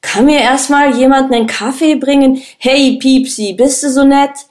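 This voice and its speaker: A man's voice: extremely high pitch, steady tone, measured pace, pitched above the performer's own voice. A woman voicing an exhausted, grumpy policeman who makes cranky demands. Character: exhausted, grumpy male cop.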